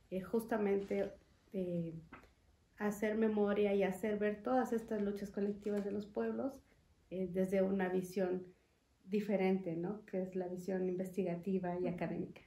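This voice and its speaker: The guest is a young woman from Chiapas, Mexico, who represents a foundation and speaks in an earnest, measured manner peppered with fillers. Her voice is medium-pitched and dark, recorded on a stand-mounted desk mic in an echoey studio with wood panels and glass during a conversational interview.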